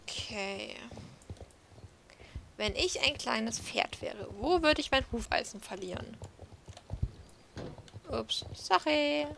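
A woman's voice: a little high, lively intonation, slow, gravelly, long pauses, a bit bright, slight background noise. A woman giving casual, playful commentary while she plays a horse-riding game, talking to herself. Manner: chatty self-talk, playful. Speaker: let's play host.

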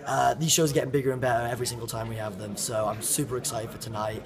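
A man's voice: mid-range voice, steady tone, rapid-fire, a loud crowd. A man in his twenties from Wales, a professional wrestler giving a casual promotional interview to camera. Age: 20s. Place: indoor community centre room. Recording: loud music bed under speech.

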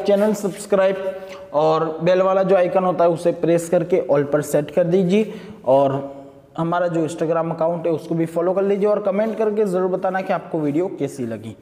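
A man teaching Quran recitation rules. He asks questions and answers them himself, and slowly draws out the recited words between explanations. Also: high voice, dark tone. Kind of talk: tajweed lesson with recited verses. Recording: echoey room with long reverb.

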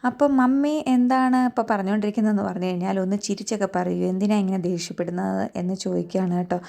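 A young adult woman with a Keralite Malayalam accent narrates a home cooking video as a voice-over recorded on its own. Her voice sits at a middling pitch. She talks in an easy, chatty way and keeps inviting viewers to share their own experiences. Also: steady tone, fast talker, vocal fry, dark tone. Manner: chatty, tags many sentences with a friendly aside, asks viewers to share. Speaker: cooking vlogger. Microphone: voice-over recorded separately.

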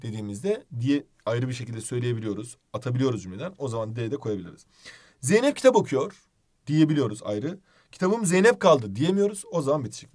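Male teacher, high-leaning voice with a wide pitch range, brisk and emphatic exam-prep delivery. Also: a little mellow. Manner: brisk, emphatic, stresses example words in a raised voice. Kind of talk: exam-prep grammar lesson.

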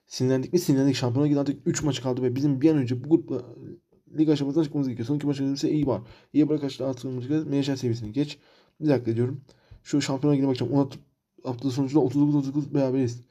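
A man's voice: mid-range voice, steady tone, very fast, dark tone. A man commentating his football manager game career, frustrated and ranting, repeating himself. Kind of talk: let's-play commentary.

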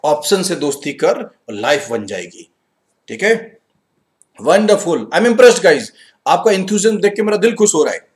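A high-pitched male voice with an Indian accent leads a live online English grammar session in Hinglish for exam preparation. Energetic and coaxing, he reads out sentences slowly and talks quietly to himself as he reviews answers.

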